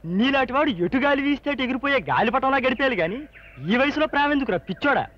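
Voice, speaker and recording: A man's voice: very high-pitched, expressive, fast talker. An actor playing a cocky young male friend who teases in a breezy, wisecracking way. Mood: teasing. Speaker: film character. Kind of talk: film dialogue. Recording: dull, lo-fi film soundtrack.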